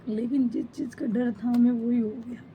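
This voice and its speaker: A woman's voice: fairly high pitch, steady tone, moderate pace, dark tone, slight background noise, poor audio. A middle-aged woman, a mother grieving for a lost pet, talking in short, broken phrases. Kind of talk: emotional personal account to camera.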